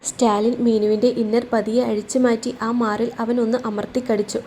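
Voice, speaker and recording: Mellow-voiced woman narrating a romance story. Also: on the high side, little pitch movement, brisk, a little hiss or hum. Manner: voices every character in her own voice.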